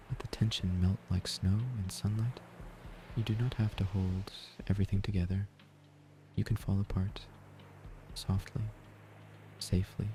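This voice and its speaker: A man gives a slow, soft-spoken guided sleep meditation in a gentle, breathy near-whisper. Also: low-pitched, a little hiss or hum. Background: ocean waves and gentle music.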